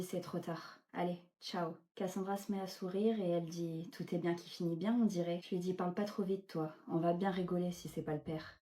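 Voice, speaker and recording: Young woman for comedic skit scenes, snappy and sarcastic, soft mellow timbre. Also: lowish voice. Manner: catty, sarcastic, quick banter. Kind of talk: acted skit dialogue and storytelling.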